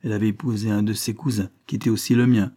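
A man reading aloud, voicing a smooth foreign gentleman who plays a naive count, effusive and ingratiating. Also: on the low side, flat delivery, quick pace, close to an everyday voice.

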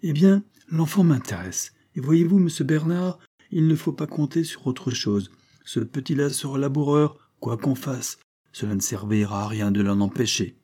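A man's voice: mid-range voice, normal speed, mellow, breathy edge, pitched above the performer's own voice, lightly acted. A man reading an audiobook, voicing a shrewd, sly older farmer who talks bluntly and teasingly in a raised voice. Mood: bantering.

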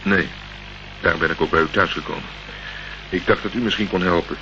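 A low, gravelly male voice with a steady tone moves fairly quickly as an actor plays a wry, probing investigator in a Dutch radio crime drama, courteous yet pointed in questioning, with a dry edge. It comes from a dull, noisy old radio play recording.

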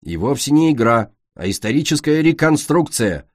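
A man's voice: medium pitch, sing-song, normal speed, no echo, clean studio sound. A man voicing a bossy young female dragon who directs the others' play in a storybook reading. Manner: commanding, dramatic.

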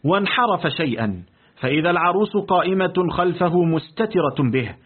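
A man narrating a literary audiobook in a deliberate, expressive reading. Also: on the high side, slightly rough. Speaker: audiobook reader. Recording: tinny, lo-fi phone-like audio.

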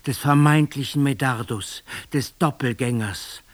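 A man's voice: mid-range voice, a little slow, dry recording. Male reader, gripping theatrical literary reading, close dry studio sound. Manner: intense, theatrical first-person reading.

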